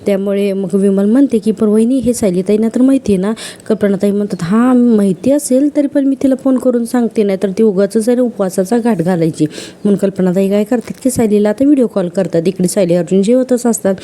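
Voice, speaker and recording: A woman's voice: mid-range voice, warm tone. A woman casually retelling a TV serial episode, quoting each character's lines with fillers and self-corrections. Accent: Marathi.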